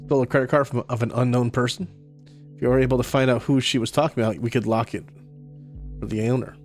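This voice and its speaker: Male game streamer, casual, deadpan sarcastic commentary, mid-pitched voice, soft music underneath. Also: fast talker. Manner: dry, sarcastic asides, reads text aloud.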